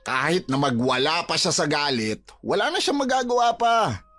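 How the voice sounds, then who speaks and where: An actor playing a callous, scheming brother-in-law who talks in a mocking, dismissive way. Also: male voice, a little high, sing-song, normal speed, fairly bright tone.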